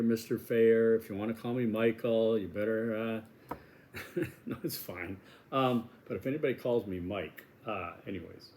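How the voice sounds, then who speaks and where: This college instructor in his sixties, from Milwaukee with a Wisconsin accent, rambles chattily through a course welcome video and pokes fun at himself. His mid-range voice has a darkish tone, with a little hiss or hum in the recording.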